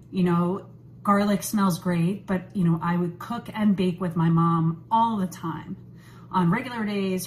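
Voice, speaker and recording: A woman in her thirties hosting a home vlog, talking to camera in a relaxed, chatty way with lots of "you know" fillers, recorded in her kitchen on a phone or webcam at arm's length. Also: medium pitch, a little hiss or hum, poor audio. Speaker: host. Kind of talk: casual talk to camera.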